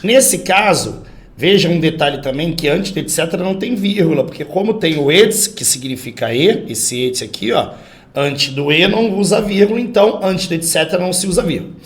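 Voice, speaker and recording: A man with a Brazilian accent teaching an online grammar class, lively and emphatic, acting out example sentences. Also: high voice, brisk. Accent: Brazilian Portuguese. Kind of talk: online exam-prep grammar lesson.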